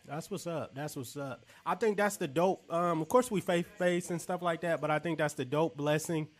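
A man's voice: fairly high pitch, moderate pace. A man co-hosting a faith and culture podcast, hype and slangy as he interviews a guest. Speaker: podcast co-host. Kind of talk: casual interview.

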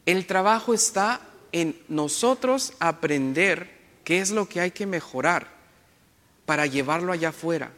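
High, bright-voiced priest with a playful homily. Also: male voice, animated, a little slow. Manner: playful, jokey asides and self-corrections; imitates other people's accents. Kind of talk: Sunday homily. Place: church. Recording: long church reverb.

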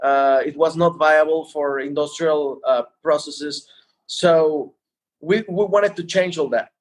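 A man explaining things in an interview as a guest entrepreneur, halting and repeating words as he goes. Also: a little high. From Mexico.

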